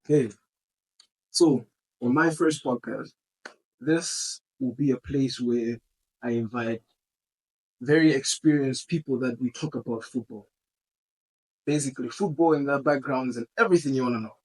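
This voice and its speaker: A man hosts a casual podcast, his voice mellow and dark with a husky edge. He teases his guest playfully and throws in slangy asides. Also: mid-range voice, moderate pace, pauses often, rough recording. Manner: playful, teasing, slangy interjections. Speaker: podcast host.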